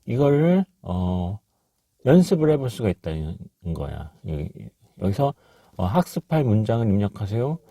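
A man teaching English in a casual podcast lesson, halting with many fillers and slowly repeating practice phrases. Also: fairly low pitch, sing-song, mellow, no room sound.

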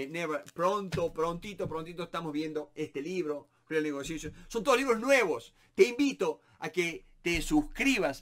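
This middle-aged man teaches negotiation in an informal monologue, speaking with a Rioplatense Spanish accent in a voice that's a little high. He sounds lively and tends to repeat words as he works through his thoughts out loud.

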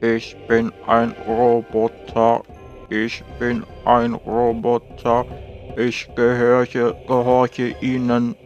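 A man voicing an obedient male robot servant, speaking in a slow, stiff, mechanical way. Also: mid-range voice, monotone, darkish tone, highs cut off, soft background music. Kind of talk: let's play commentary.

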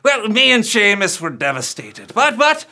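A goofy Scottish rapper puppet with a high, bright, lively voice, which a man acts out. He brags and bounces through a kids' puppet skit in a Scottish accent. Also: normal speed, full character voice.

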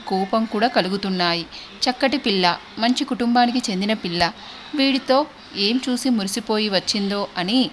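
A woman narrates a serialized audiobook story in a steady, expressive way. Her voice sits fairly high. A faint hiss of background noise runs under the recording.

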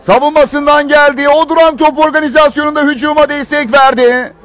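A male football commentator with an extremely high-pitched, excited delivery calls the play live. He speaks outdoors at a small ground, with a light crowd murmur behind him. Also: brisk. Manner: excited, shouting on goals. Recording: crowd noise at outdoor match. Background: faint crowd.

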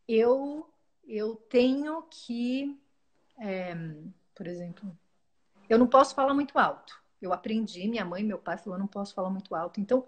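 A woman speaks as a guest in an earnest, reflective way. Her voice sits a little high, and she often breaks off and restarts words mid-phrase. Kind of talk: reflective spiritual talk.

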